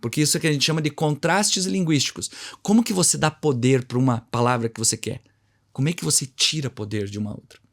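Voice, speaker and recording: A man's voice: fairly high pitch, fast. Didactic Brazilian man explaining. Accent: Brazilian Portuguese. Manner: didactic, plays with his own intonation and contrasts while explaining; acts out short dialogues to give examples. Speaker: communication and NLP trainer, guest. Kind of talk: explanatory interview talk.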